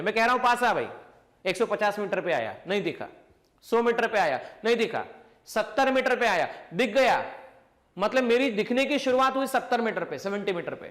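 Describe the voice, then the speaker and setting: A man with a notably high voice lectures a physics class. He repeats each question and then answers it himself. He slows down deliberately to stress the important points. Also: fairly bright tone. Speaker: physics teacher.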